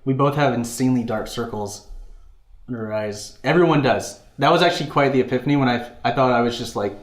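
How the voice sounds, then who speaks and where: Young male co-host, average pitch, loose filler-heavy chatter, recorded in an echoey room. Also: fast talker. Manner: casual, filler-heavy, says "like" often. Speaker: podcast co-host. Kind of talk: casual chat.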